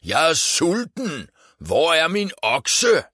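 A man voicing a loud, boastful middle-aged viking uncle who bellows, in a storybook reading. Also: very animated, vocal fry, no room sound, clean studio sound, full character voice. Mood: roaring. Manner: bellowing, booming.

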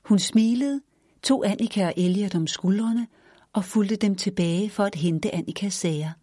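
A woman narrating a children's storybook in a gentle, even read-aloud manner. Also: mid-range voice, dry recording, clean studio sound.

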